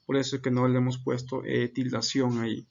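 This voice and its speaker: A man's voice: medium pitch, little pitch movement, fairly quick, creaky, darkish tone, dull audio. A man giving an unscripted class presentation, hesitant, with many fillers and self-corrections. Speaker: student presenter.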